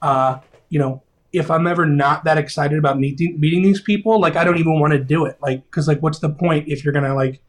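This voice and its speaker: Excitable rambling man, a bit high. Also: fairly quick. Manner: rambling, excitable, lots of fillers and restarts. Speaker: video game composer, interview guest. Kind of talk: casual interview chat.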